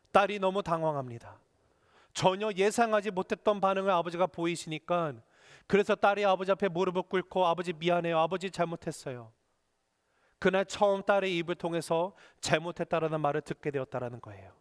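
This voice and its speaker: A male pastor preaching a sermon, telling a story and slowing down earnestly to stress his points. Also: high-pitched.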